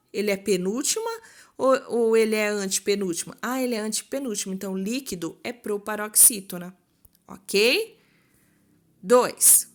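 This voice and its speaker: A Brazilian woman teaching a recorded school lesson, slowly drawing out words to show their stressed syllable and playing her pupils' questions herself. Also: medium pitch, a bit bright. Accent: Brazilian Portuguese. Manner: voices imagined pupils' questions.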